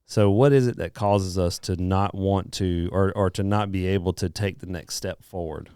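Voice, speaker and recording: A middle-aged man co-hosting a podcast in casual chat, relaxed and quick to chuckle. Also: low-pitched, smooth, no room sound, clean studio sound. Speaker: podcast co-host.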